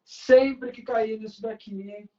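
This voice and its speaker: A Brazilian teacher with a fairly high voice, walking students through a grammar rule at the board. He stretches out key words and keeps checking in with the class. The recording sounds dull and lo-fi. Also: fairly even intonation, a little mellow. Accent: Brazilian Portuguese. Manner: slow, drawn-out emphasis on key words, checks in with students often.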